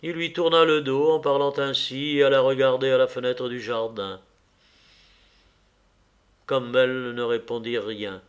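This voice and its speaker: A man narrating a classic novel in a measured audiobook reading. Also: mid-range voice, fairly even intonation, muffled recording.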